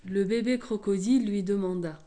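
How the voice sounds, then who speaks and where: Female storyteller, calm, measured read-aloud, mid pitch. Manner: calm, clear, measured reading.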